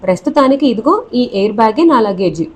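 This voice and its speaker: A cocky young groom who brags and teases with a straight face, as a woman narrator puts him on. The voice sits fairly high, read aloud in an audiobook of a novel. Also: brisk, slightly rough. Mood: teasing. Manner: cocky, deadpan teasing. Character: proud boastful young man, the runaway groom.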